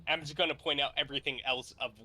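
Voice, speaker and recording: A man playing a tabletop game, eager and quick to laugh. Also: mid-range voice, fairly even intonation, sharp tone. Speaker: player. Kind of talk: casual tabletop game play.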